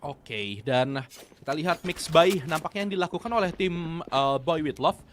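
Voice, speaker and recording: A man with an Indonesian accent doing live play-by-play like a fighting game announcer, excitable, building tension with exclamations and rhetorical questions. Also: a little high, moderate pace. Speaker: esports play-by-play caster. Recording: clear game gunfire and clicking noise.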